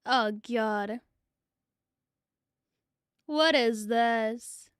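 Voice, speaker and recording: A woman's voice: fairly high pitch, extremely slow, clear, resonant tone, no room sound, studio quality. A young adult woman streaming as a VTuber, chatting playfully with her viewers and swearing casually. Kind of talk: casual livestream chat.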